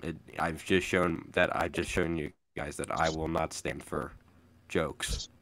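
A man hosting a casual livestream voice chat, halting and emphatic, restarting his sentences often. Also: extremely low pitch, fairly even intonation, fairly bright tone. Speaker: livestream host.

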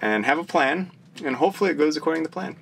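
A young man talking about sailing as an interview guest in a relaxed, laid-back way, inside a small boat cabin. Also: on the high side, quick pace, vocal fry, slight background noise. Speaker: sailor guest. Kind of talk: casual interview.

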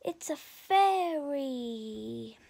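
A woman voicing a curious, excited young girl in a storybook, speaking eagerly in a hushed voice. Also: high-pitched, drawn-out words, creaky, full character voice.

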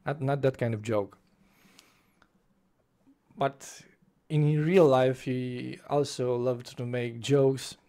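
Speaking slowly with long pauses, this young man has a mellow, steady mid-range voice. Romanian is his first language, and he gives a casual spoken book review at home in a small bedroom, using a desk microphone before his face in webcam framing. He talks passionately, moves both hands as he speaks and keeps restarting phrases.

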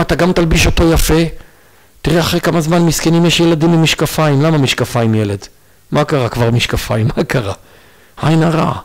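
A man, a rabbi, gives a lesson to his congregation in a synagogue. His voice sits slightly high. He tells homely stories and acts out the people in them. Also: rough recording. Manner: storytelling, quotes others in acted voices.

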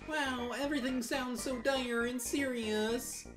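A woman puts on a naive little tadpole boy from a video game. The voice is raised high, eager and childlike, full of exclamation. Music plays clearly underneath. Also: steady tone, takes it slowly. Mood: worried, naive. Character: naive, excitable young male tadpole child. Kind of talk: dramatised video game dialogue reading. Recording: music behind the voice. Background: plucked-string game music.

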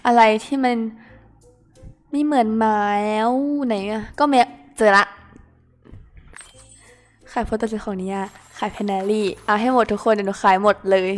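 A young woman from Thailand chatting playfully and excitably with viewers as she streams a game. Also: mid-range voice, normal speed, long pauses, faint music behind. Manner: playful, excitable, talks to viewers while playing. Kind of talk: casual game streaming chat.

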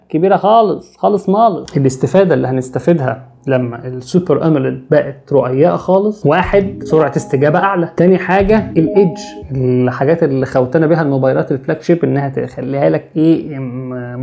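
Gravelly joking Egyptian tech host. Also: male voice, fairly high pitch, fast talker, dark tone, faint music behind. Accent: Egyptian Arabic. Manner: joking, chatty, addresses listener with street slang. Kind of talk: comic tech explainer.

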